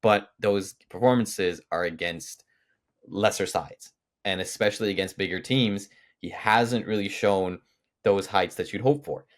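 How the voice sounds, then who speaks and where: A young man with a very low, deep voice co-hosts a football podcast. He rambles emphatically, piling up fillers and restarts in casual sports chat. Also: measured pace.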